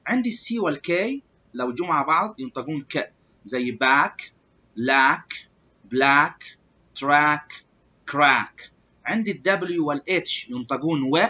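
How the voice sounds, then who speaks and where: A man with an Egyptian Arabic accent teaching a beginner English lesson, repeating example words slowly and loudly for practice. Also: fairly high pitch, husky, highs cut off.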